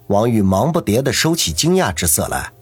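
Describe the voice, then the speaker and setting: A man reads a novel aloud as its narrator, his voice low and very husky. He tells the story steadily, with a lively rise and fall, over faint background music. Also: fairly quick, no echo. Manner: steady storytelling, doing every character. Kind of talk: audiobook narration.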